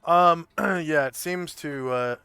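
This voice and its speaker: A man improvising narration as a tabletop game master, halting and pausing to think. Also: on the high side, bright, forceful tone, clear, resonant tone, no echo.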